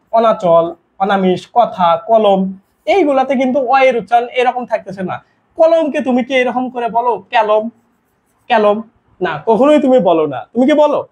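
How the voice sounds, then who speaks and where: Young guy teaching grammar online, husky voice, high and bouncy, keeps asking u follow?. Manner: lively explaining with constant check-in questions. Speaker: admission test tutor.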